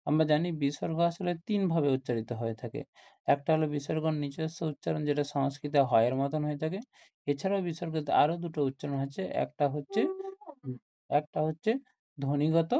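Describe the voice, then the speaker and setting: A man's voice: fairly high pitch, a little fast, gravelly, dark tone. A man teaching a grammar lesson to school students, explaining step by step and often asking questions like "isn't it?".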